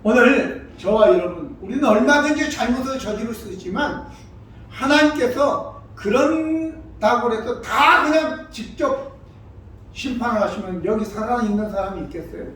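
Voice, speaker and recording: A male pastor preaching a sermon, emphatic, breaking into loud rises when he acts out quotes. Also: very high voice, animated, moderate pace. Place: church sanctuary. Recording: very echoey hall, mic far off, faint background noise.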